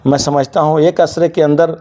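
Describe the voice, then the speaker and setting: Middle-aged guy from bihar, earnest interview answers, kinda high voice, pushy and rousing. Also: fairly even intonation, moderate pace, mellow. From Bihar, India. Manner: emphatic, exhorting, slips into Urdu vocabulary. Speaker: interview guest, journalist and committee secretary.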